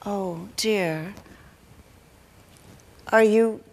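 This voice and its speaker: A woman's voice: medium pitch, very slow, long reverb tail. A woman playing a fretful, easily shocked mother who pleads and repeats herself in a stage play. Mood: frantic. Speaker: actor.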